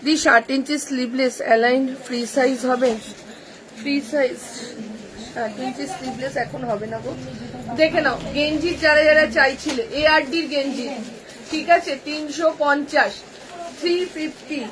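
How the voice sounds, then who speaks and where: A woman, selling clothes from her shop on a live stream with brisk, repetitive sales patter about colours and prices. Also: high voice, steady tone, a crowd in the background, rough recording.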